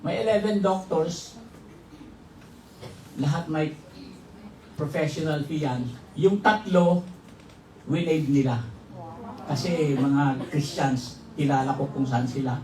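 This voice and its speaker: A Filipino pastor gives a humorous testimony during a sermon, joking and laughing with his congregation in a church hall. His voice is fairly high, slow, and mellow with frequent pauses, picked up by a distant mic in a roomy space with faint ambience and slight hiss.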